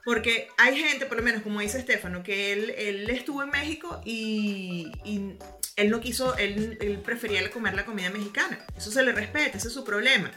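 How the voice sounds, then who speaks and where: Bright-voiced Venezuelan woman telling stories. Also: medium pitch, a little fast, soft background music. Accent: Venezuelan Spanish. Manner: lively storytelling, acts out quoted voices. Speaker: podcast guest. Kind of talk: casual chat.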